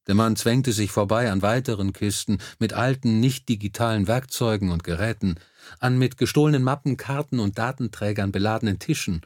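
A man narrating an audiobook in a measured, even reading style. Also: on the low side, no room sound, clean studio sound. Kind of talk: scripted narration.

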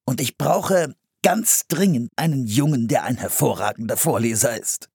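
An excitable grown man, a playwright who gushes praise and coaxes without letup, as a male narrator puts him on. His voice runs a touch higher than the reader's own, with a lively, swinging lilt and a slightly husky edge, in a dry, close storybook reading. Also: moderate pace, dry recording. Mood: eager. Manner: enthusiastic, coaxing. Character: excitable adult male playwright, eager and persuasive.

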